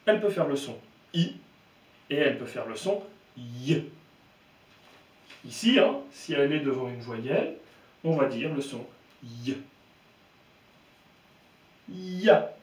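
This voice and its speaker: Slow, lively man teaching reading. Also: a little high, echoey room, far from the mic. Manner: slow, emphatic, repeats sounds. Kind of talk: reading lesson.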